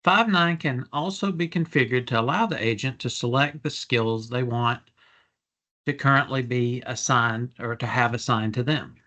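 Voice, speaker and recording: Male product demonstrator, average pitch, measured businesslike explainer delivery for a software walkthrough.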